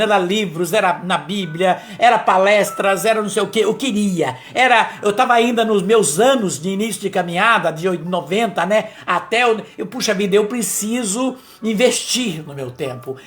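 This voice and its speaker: A man's voice: high voice, a bit bright. Man giving a chatty live-stream testimony, loose and storytelling. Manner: conversational, storytelling, frequent tag questions. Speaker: lay preacher giving testimony.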